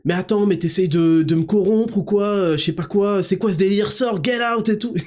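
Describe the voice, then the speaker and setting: A man voicing an irate male teacher who yells indignantly. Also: high-pitched, normal speed, pitched above the performer's own voice, close to an everyday voice. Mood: outraged. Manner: yelling, indignant. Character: furious shouting male teacher.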